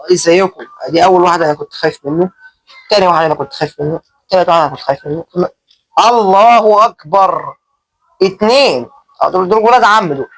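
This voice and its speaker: This is casual Minecraft let's play commentary from a young gaming channel host with an Egyptian Arabic accent, who chats away, jokes at his own expense, and lets out panicky yelps when things go wrong. His fairly high voice is slightly rough. There's no room sound, though the audio quality is poor.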